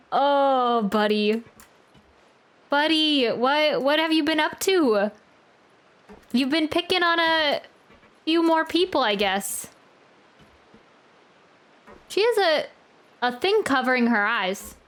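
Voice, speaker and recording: Over game music, a female streamer reacts to her playthrough in a high, lively voice with a slightly bright edge. She speaks slowly with long pauses, exclaiming and repeating little phrases in casual live commentary.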